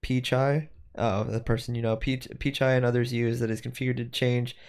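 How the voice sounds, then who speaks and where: A man's voice: mid-range voice, little pitch movement, moderate pace, a little mellow, smooth. A man streaming while he does 3D design work, chatting casually and rambling as he thinks aloud and corrects himself. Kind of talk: casual livestream chat while working.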